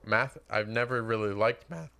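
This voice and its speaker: A man's voice: lowish voice, moderate pace, creaky, sharp tone, clean tone. A man in his twenties co-hosting a podcast, chatting casually and eagerly about school memories. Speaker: podcast co-host. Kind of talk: casual chat.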